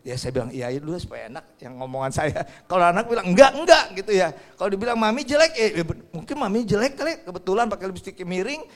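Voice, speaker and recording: An older man preaching a sermon, animated, swinging between loud stresses and quiet asides. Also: fairly high pitch. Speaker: Sunday school preacher.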